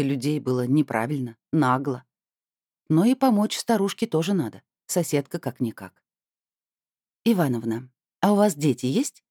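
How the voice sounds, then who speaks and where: A woman's voice: deep voice, warm tone, dry recording, clean studio sound. A woman narrating a first-person novel in a wry, conversational storytelling manner. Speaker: audiobook narrator.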